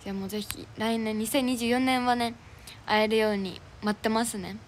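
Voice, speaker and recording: A young Kansai-accented woman, an idol livestreamer, chats casually and brightly thanks viewers while reading their comments and gifts aloud. Her voice is a little high with a steady tone and a fairly quick pace, and the audio is noisy.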